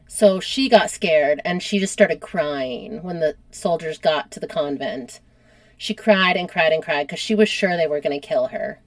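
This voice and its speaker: A woman's voice: fairly low pitch, no echo. A woman hosting a podcast, chatting casually as she retells a history story and peppering it with "like". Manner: chatty, animated, uses lots of "like". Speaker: podcast host.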